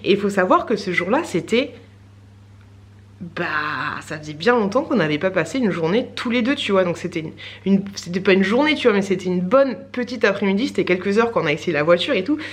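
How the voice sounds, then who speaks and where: A woman's voice: mid-range voice, expressive, brisk. A woman vlogger in her thirties, chatting casually to camera in a rambling way with lots of fillers and little laughs.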